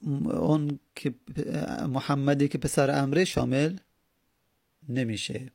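A man's voice: mid-range voice, creaky, a little mellow, dry recording, studio quality. A man teaching a grammar lesson, patiently repeating and spelling out each step. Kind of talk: Arabic grammar lesson in Persian.

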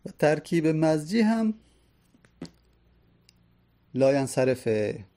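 A man teaching a grammar lesson, explaining patiently and repeating each example slowly. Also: a little high, sing-song, warm tone.

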